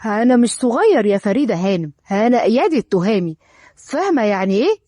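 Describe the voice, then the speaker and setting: A woman's voice: mid-range voice, very animated, quick pace, darkish tone, breathy edge, no room sound. Woman voicing a cold domineering Egyptian man. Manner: cold and curt. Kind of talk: storybook reading.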